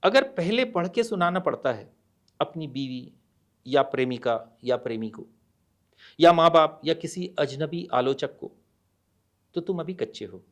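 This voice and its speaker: A middle-aged man, a guest author on a podcast, speaking in a measured, deliberate way and mixing Hindi and English, with hesitant pauses. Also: fairly high pitch, lively intonation. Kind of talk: podcast interview, reading a poem aloud.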